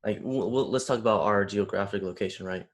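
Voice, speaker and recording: A man's voice: lowish voice, fairly quick. A young man from the Bay Area leading a casual discussion, slangy and asking the others questions. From San Francisco Bay Area. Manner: conversational, asks questions, slangy.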